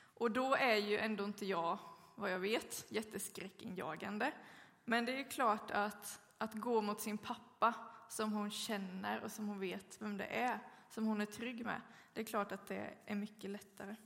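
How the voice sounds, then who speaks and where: Woman preacher, mid pitch, gravelly edge, conversational sermon delivery, long church reverb. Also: steady tone, fairly bright tone. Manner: conversational storytelling with occasional fillers. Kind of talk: sermon with scripture reading.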